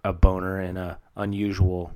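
Man co-host, low-pitched, laid-back and dry in replies. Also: little pitch movement, moderate pace, dark tone. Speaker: podcast co-host. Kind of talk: casual chat. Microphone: home microphone.

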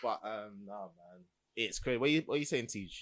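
A man's voice: fairly low pitch, animated, a little fast, crowd noise. A young man with a London accent and roadman slang, hosting a casual podcast chat. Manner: roadman slang, urban London street talk. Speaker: podcast host.

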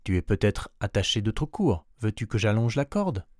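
A fretful old farmer from a storybook, doting on his goat and crying out in alarm, as a man reading aloud puts him on. His voice is low-set but rises loud in his outbursts, and the sound is dry and close. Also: sing-song, normal speed, no echo. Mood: pleading. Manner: pleading, exclaiming, louder and higher than the narration.

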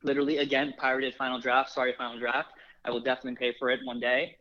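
A man's voice: medium pitch, monotone, fast, highs cut off. A young man from Los Angeles telling stories casually, with many likes and restarts. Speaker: film producer. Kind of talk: casual storytelling.

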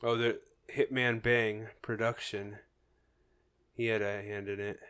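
A man's voice: on the low side, flat delivery, a little slow, fairly bright tone, clean tone. A man chatting casually as a co-host, offering offhand, speculative commentary. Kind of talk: casual chat.

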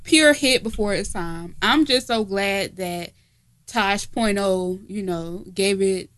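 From an informal home setting rather than a studio, a woman co-hosts a casual comedy podcast, brash, profane, and teasing. Her voice is mid-range and a bit bright, and she takes her time.

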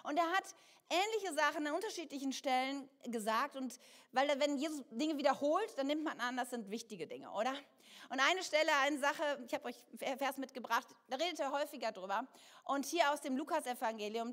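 A woman preaching a sermon, telling a story with lively acted-out inner thoughts. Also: sits high, brisk. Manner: animated storytelling, acting out her own thoughts. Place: church hall. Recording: echoey church hall.

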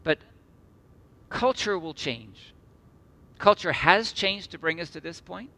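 A middle-aged man preaching a sermon, earnest and emphatic, slowing for repeated phrases and dropping suddenly soft. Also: on the high side, lively intonation, no room sound.

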